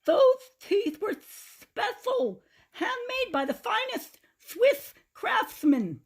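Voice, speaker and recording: Woman acting out a high, wailing toothless old grandpa. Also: big pitch swings, full character voice. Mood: indignant. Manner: drawn-out, mumbling, toothless-sounding speech. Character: distraught old grandfather who lost his false teeth.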